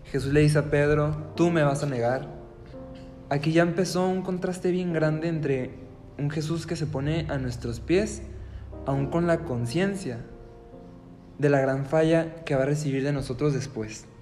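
A man's voice: a little high, steady tone, measured pace, a little mellow, big-room sound, faint music behind. A man leading a podcast Bible reflection, talking earnestly and with feeling. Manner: earnest and emotive, acting out quotes in a trembling plea. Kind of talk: reflective religious talk.

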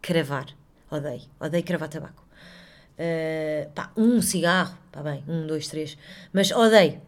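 A woman's voice: deep voice, a little slow. A woman with a European Portuguese accent hosting a casual solo podcast, rambling and chatty, swearing freely and poking fun at herself. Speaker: podcast host.

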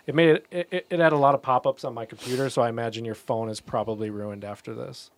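A man's voice: medium pitch, steady tone, quick pace, slight background noise. A man co-hosting a casual podcast, wry and laughing as he ribs his friends. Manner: wry, laughing, ribbing the others. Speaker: podcast co-host. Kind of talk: casual chat.

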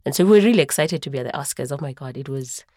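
A woman's voice: very deep voice, expressive, rapid-fire, dark tone, dry recording, studio quality. A young Kenyan woman in the film business, telling her story in an eager, exclaiming way. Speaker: film actor and producer. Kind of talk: casual interview.

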